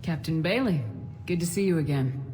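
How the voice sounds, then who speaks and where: A woman's voice: low-pitched, expressive, moderate pace, rough recording. A woman playing a resolute, grim military commander in a sci-fi video game, speaking tersely. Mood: cordial. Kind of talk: video game cutscene acting. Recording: loud music behind dialogue.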